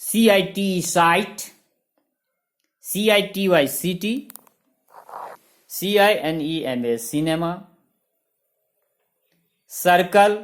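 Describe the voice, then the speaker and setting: Slow, deliberate male teacher. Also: sits high. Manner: spells words out letter by letter, deliberate; lists examples in a steady rhythm. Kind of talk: classroom-style lesson explanation.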